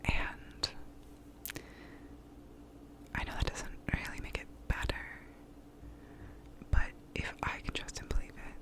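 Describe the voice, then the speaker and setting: A woman's voice: takes it slowly, long pauses. A woman whispers an ASMR pep talk right up close to the microphone. She offers validating affirmations in an informal, reassuring way, with some casual swearing. The whole delivery stays in a whisper. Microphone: close to the mouth.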